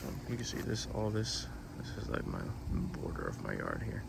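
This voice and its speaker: Showing off his backyard fruit garden, a man born in Cuba and raised in Miami talks at a moderate pace in a gravelly bass voice whose pitch swoops wildly. His narration is casual and unscripted, captured in a noisy outdoor recording full of ambient sound.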